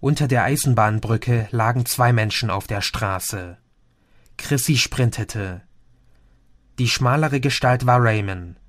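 A man narrates an audiobook in a steady, measured voice of middle pitch. The recording is close and dry, with no room around him. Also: no echo. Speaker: audiobook reader.

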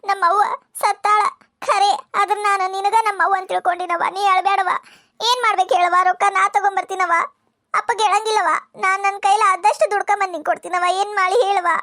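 A woman's voice: extremely high pitch, steady tone, quick pace, pushed and bright, dry recording, clean studio sound. Woman doing a pleading little North Karnataka girl. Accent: North Karnataka Kannada. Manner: earnest and pleading. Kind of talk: cartoon voice acting.

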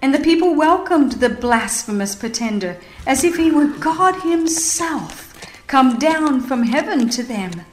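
With a high-pitched, expressive voice, a woman unhurriedly narrates a religious history audiobook in a solemn, emphatic, formal way. The dramatized scripted reading echoes over background music, with slight background noise present.

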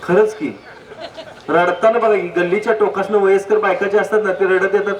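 A man's voice: high voice, fairly even intonation, brisk. A man giving a humorous public talk on health, full of anecdotes and direct questions to the audience. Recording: echoey hall, distant mic, faint noise.

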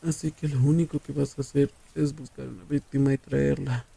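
A man playing a menacing, possessive serial killer lover in an ASMR roleplay, taunting and condescending in a drawn-out way. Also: medium pitch, level tone, gravelly, mellow, husky, dry recording. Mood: irritated, commanding.

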